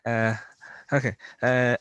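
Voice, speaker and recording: A man with a Chinese accent, a non-native speaker, giving a scientific presentation in careful, halting English with repeated words. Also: mid-range voice, flat delivery, fairly bright tone, clear, resonant tone, no echo. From China. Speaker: invited speaker. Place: online video call.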